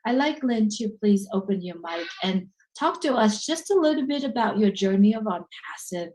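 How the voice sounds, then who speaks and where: A businesswoman co-hosting a webinar over a video call, speaking as a with an emphatic sales pitch. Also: expressive, normal speed, darkish tone, rough recording. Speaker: webinar co-host.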